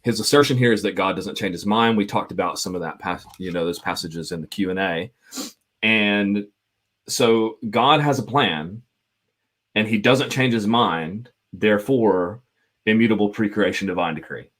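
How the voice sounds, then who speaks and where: A man co-hosting a casual podcast discussion, animated and quick to laugh. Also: fairly low pitch. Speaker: podcast co-host.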